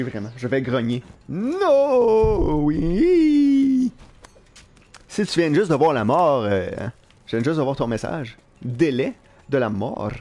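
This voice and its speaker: A young man with a Quebec French accent giving live gameplay commentary in an animated, self-mocking way, swearing casually. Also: medium pitch. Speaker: live streamer. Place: at work.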